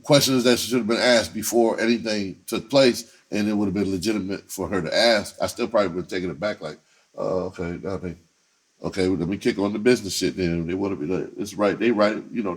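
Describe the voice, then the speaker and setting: With music playing underneath, a man with a lowish, husky voice tells a personal story fairly quickly. He uses casual, profane slang, repeats himself, and acts out the conversations as he recounts them.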